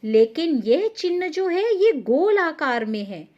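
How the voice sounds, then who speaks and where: Slow, patient woman teaching Hindi writing. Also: sits high, sing-song, darkish tone, dull audio. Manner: patient, repeats key points, stresses each correction. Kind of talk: slow explanatory lesson.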